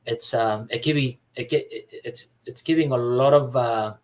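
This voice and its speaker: A soft-spoken man from Samoa, a podcast guest, tells his personal story. His voice sits at a middle pitch, and he talks in a halting way, restarting his sentences often. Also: poor audio. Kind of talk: personal life story in casual chat.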